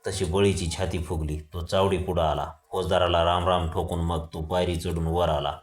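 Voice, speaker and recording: Deep, even-voiced male storyteller. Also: normal speed, roomy sound. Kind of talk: audiobook reading of a Marathi novel.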